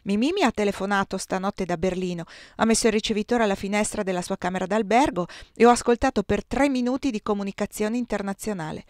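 A woman reading aloud, voicing a lively woman friend who retells a phone call quickly and mimics the people in it. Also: mid-range voice, no room sound, clean studio sound, close to an everyday voice.

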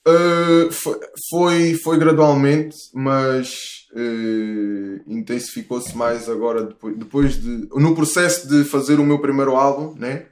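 A thirty-year-old musician with a European Portuguese accent talks casually and at length as an interview guest, using many fillers and restarts. His mid-range, darkish voice holds a steady tone at a slow pace with few pauses, in a reverberant space.

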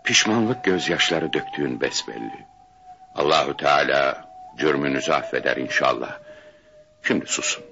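An actor playing a calm, commanding elderly male spiritual guide who speaks slowly and soothingly with quiet authority. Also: a little hiss or hum, exaggerated voice. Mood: gentle consoling. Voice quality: gravelly, deep. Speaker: radio drama actor. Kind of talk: 1970s-style Turkish radio theatre acting. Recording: muffled archival radio recording.

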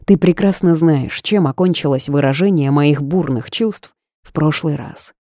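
A woman voicing a smug, seductive male boss who speaks calmly and commands. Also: sits low, a little slow, no room sound, clean studio sound.

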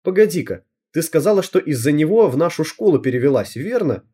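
A man's voice: a little high, lively intonation, fairly quick, darkish tone, husky, voice pushed up. A man voicing a brash, bossy teenage girl gang leader with cocky street slang in an audiobook reading. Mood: pushy.

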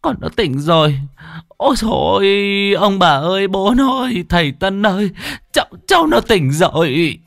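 A frantic middle-aged village mother, put on by a male storyteller, crying out in a shrill, very high voice that leaps around wildly. Her delivery is urgent and loud, over a dry close recording with faint music. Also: expressive, normal speed, creaky, no echo, full character voice. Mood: frantic joy.

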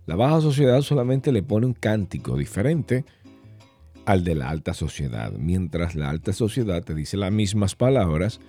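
A man's voice: deep voice, very animated, normal speed, mellow, soft background music. A middle-aged Venezuelan man hosting a casual podcast, playful and rambling, acting out bits of street slang. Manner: playful, jumps between topics, acts out quoted slang voices. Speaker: podcast host.

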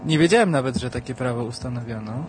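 A man calling into a talk radio show, arguing about politics in a skeptical, wry way. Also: fast talker. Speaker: caller. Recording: low-bitrate talk radio stream with faint music.

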